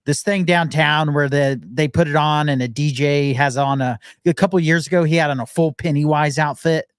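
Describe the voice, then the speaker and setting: A man co-hosts a casual sports podcast from a video call. His voice sits slightly high and sounds smooth and clear. He talks in a relaxed, halting way, restarting his sentences as he goes. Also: dry recording, clean studio sound. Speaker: podcast co-host. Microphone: webcam call.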